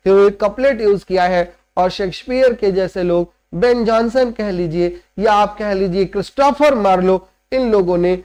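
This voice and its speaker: Guy teaching lit with a really high voice, walks through it step by step and keeps asking "right?" to check everyone's with him. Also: normal speed, few pauses, darkish tone, clear, resonant tone. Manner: explains step by step, often checks understanding with "right?"; mixes English terms into explanations. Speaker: literature teacher. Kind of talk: classroom lecture.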